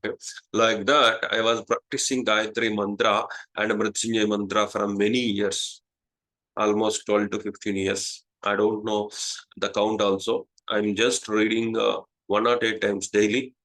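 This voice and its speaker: A man with an Indian English accent, whose first language is Telugu, hosting a casual spiritual talk and pausing often with "uh" and "okay". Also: on the low side, flat delivery, fairly bright tone, low-quality recording. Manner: slow, halting, many "uh" and "okay". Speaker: astrologer, channel host.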